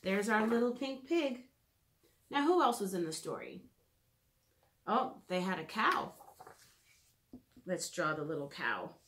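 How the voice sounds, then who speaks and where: A gentle woman who teaches art and reading to children gives a simple narrated drawing lesson for preschoolers from her living room, thinking aloud as she draws and using easy words. Her mid-range voice is very animated, her pace measured with long pauses, and a camera a few feet away picks up slight background noise.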